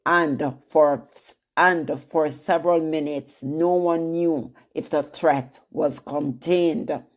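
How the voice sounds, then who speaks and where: A woman narrating a scripted news segment, grave and slow, addressing viewers directly. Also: low-pitched, fairly even intonation. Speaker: news channel host.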